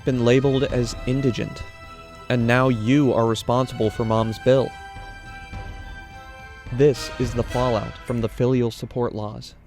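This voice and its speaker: A man reading scripted documentary narration in a measured, dramatic voice-over style. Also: medium pitch, little pitch movement, darkish tone. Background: music.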